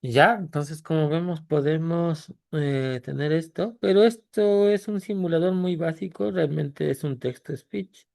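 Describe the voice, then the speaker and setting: Un hombre con la voz áspera y crujiente, que explica un programa paso a paso con muchas pausas. La grabación es seca, sin eco de la sala. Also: male voice, fairly high pitch, creaky, darkish tone, no echo, clean studio sound. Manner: halting explanation, pausing with tag questions. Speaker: tutorial host. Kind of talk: screen-recorded software tutorial.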